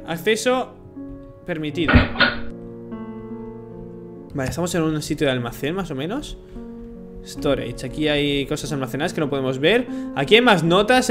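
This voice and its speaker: A young man from Spain with a Spanish accent, commentating a horror game, jumpy, swearing and shouting when startled. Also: a little high. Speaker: gaming YouTuber. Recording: game music behind voice.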